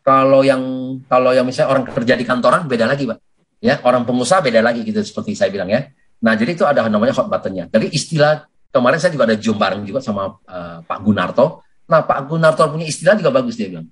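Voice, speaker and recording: A man giving a lively sales coaching talk for network marketing, who often addresses his listeners as sir and acts out sales conversations. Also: mid-range voice, fast. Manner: animated, addresses listeners as "Pak" constantly.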